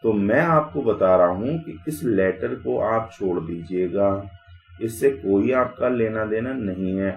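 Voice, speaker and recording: Male teacher, slow patient explaining, echoey room. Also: fairly low pitch, lo-fi sound. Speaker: English grammar teacher. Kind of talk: Hindi classroom-style lesson.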